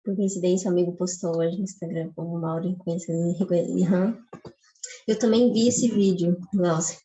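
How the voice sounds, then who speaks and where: A woman's voice: on the low side, fairly even intonation, a little fast, mellow, slight background noise. A woman host, moderating questions in a live online talk. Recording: dull lo-fi, distant sound.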